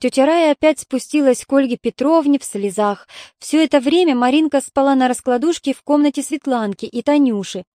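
A woman narrating an audiobook in a steady storytelling manner. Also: high voice, fairly quick, few pauses, dry recording, studio quality.

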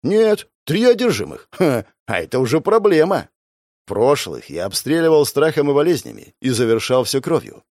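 A man narrating a first-person audiobook in a sardonic, expressive way, with frequent swearing. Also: medium pitch, normal speed, no room sound, studio quality.

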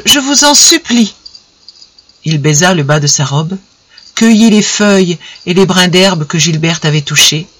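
A reader narrating a romance novel in a measured, expressive way. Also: medium pitch. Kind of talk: audiobook narration.

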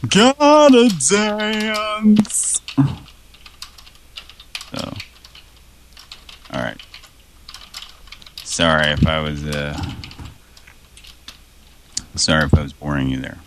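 A man's voice: little pitch movement, takes it slowly, creaky, long pauses, noisy background. A man chatting casually as a podcast co-host, rambling and hesitant with filler words. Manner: rambling, hesitant, bursts into goofy high yelps. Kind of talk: casual chat.

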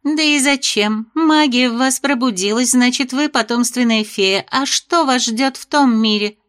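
Woman reading nervous fairy headmistress, evasive, dismissive, soothing, higher-pitched voice. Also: measured pace, a bit bright. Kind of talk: audiobook character reading.

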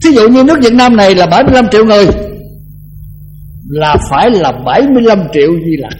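An older man, a Buddhist monk, giving a conversational dharma talk that often repeats words and slows down to chant verses. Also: high voice, animated, darkish tone, soft background music, rough recording.

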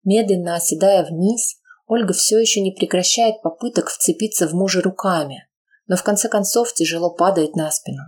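A woman reading a tense audiobook aloud in a steady, dramatic narration. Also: lowish voice, moderate pace, slightly rough.

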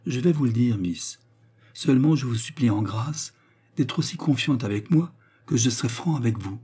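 An earnest young baronet, lovesick and pleading, with a mellow, slightly husky low voice, as a male storyteller puts him on. He speaks with heartfelt gravity, a bit higher than the reader's plain narration. It sounds like a classic audiobook tale. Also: expressive, moderate pace. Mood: tender.

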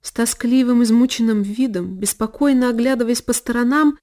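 A woman reading a classic novel aloud as audiobook narration, in a measured, emotive way. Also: on the high side, a little mellow. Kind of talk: scripted literary narration. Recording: long reverb, faint violin music behind.

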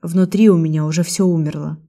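A woman giving a steady, even first-person narration of a novel as an audiobook reader. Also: low-pitched, brisk.

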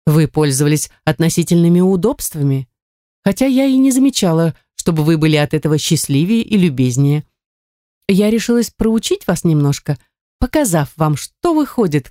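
A woman reading as a calm, wise mother. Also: fairly low pitch, no echo, studio quality, close to an everyday voice. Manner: gentle, instructive.

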